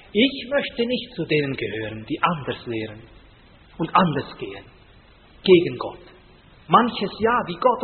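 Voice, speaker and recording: A man preaches in a folksy, emphatic way, tagging his points with "gell?". His voice sits a little high. It comes through a tinny, lo-fi line and echoes with a long reverb in a large hall, with faint ambient noise behind. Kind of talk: sermon.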